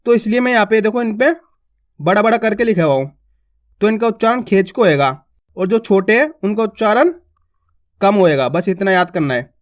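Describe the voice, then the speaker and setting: A man's voice: high-pitched, animated, normal speed. Patient man drilling vowel sounds. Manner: addresses viewers as friends, colloquial. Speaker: Hindi teacher. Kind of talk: beginner alphabet lesson.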